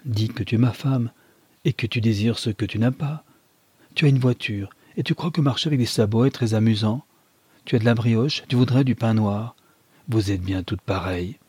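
A man's voice: lowish voice, moderate pace, breathy edge, no echo. Man voicing a soothing, dismissive husband. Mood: patronizing. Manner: calm, patronizing reassurance.

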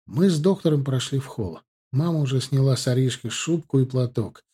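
A man's voice: medium pitch, a little fast, mellow, husky. A man reading a first-person audiobook in a matter-of-fact storytelling manner. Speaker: audiobook narrator.

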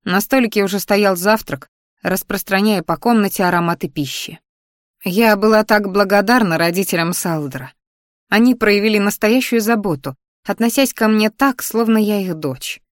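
A woman reading a romantic fantasy audiobook in the first person, at an even, measured pace. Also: mid-range voice, no room sound, clean studio sound. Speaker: audiobook narrator.

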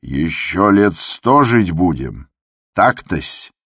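Man doing a hearty, booming old postmaster. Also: sing-song, breathy edge, dry recording, clean studio sound, exaggerated voice. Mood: jovial. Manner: hearty, loud, drawn-out joking. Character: jovial boisterous old male postmaster.

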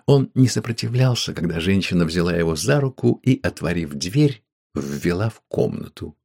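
Gravelly, husky male narrator. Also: sits low, animated, moderate pace, darkish tone. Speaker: audiobook narrator. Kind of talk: scripted narration.

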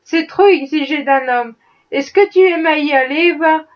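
A woman reading a novel aloud, voicing an ironic wealthy gentleman who is a worldly skeptic, with a dry, mocking manner. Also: high voice, normal speed, distant mic, dull audio, natural voice. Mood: wry. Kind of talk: audiobook reading.

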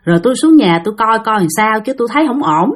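A woman voicing an old male exorcist who speaks gravely and pleads, with a Southern Vietnamese accent. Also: fairly high pitch, lively intonation, fast. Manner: pleading, solemn.

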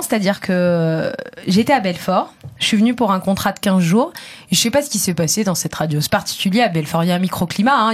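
A woman from southern France, a radio presenter, telling stories from her career in a lively conversational interview and voicing the people she quotes. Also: on the high side. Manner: animated, acts out dialogue in quotes.

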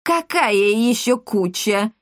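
A woman voicing a hot-tempered wealthy mother with loud, shrill outbursts. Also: lively intonation, moderate pace, dry recording, studio quality, close to an everyday voice. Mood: angry.

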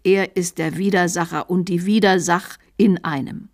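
A woman's voice: lowish voice, steady tone, normal speed, close to an everyday voice. Woman voicing a stern zealous old-time priest. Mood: insistent hush. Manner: grave, insistent, warning.

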